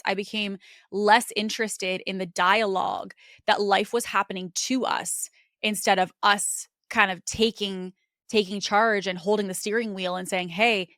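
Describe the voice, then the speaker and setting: A woman's voice: medium pitch, fairly even intonation, moderate pace, a bit bright, dry recording, studio quality. A woman hosting a podcast, speaking in an earnest, reflective monologue with a casual conversational flow. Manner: earnest, conversational, with frequent "like" and "you know". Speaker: podcast host.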